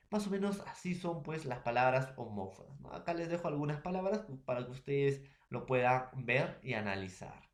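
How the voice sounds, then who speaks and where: A man with a Peruvian Spanish accent teaching a recorded class, repeating points and asking the students rhetorical questions. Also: medium pitch. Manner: repetitive, addresses students and fellow teachers, asks rhetorical questions. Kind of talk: recorded remote class lecture. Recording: echoey room.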